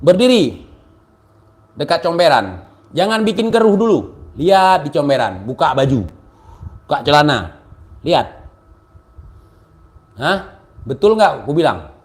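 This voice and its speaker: A man giving a mocking, taunting political rant, sarcastic and repetitive, at times rising to shouts. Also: on the high side, sing-song, measured pace, pauses often. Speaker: political commentator.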